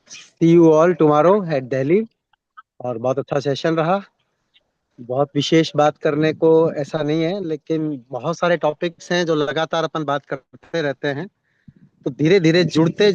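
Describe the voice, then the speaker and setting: A man's voice: fairly high pitch, fairly even intonation, unhurried, a little mellow, no room sound. Man coaching a group, dull dry audio. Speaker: business team leader. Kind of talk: motivational group talk.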